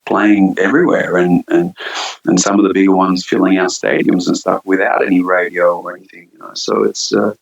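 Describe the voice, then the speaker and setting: A deep, gravelly man talks loosely as an interview guest, circling through fillers and restarts. The sound comes through a muffled, lo-fi remote line. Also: flat delivery, a little fast. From Switzerland and Australia. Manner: rambling, many fillers and restarts. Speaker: band singer, guest. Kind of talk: casual interview chat.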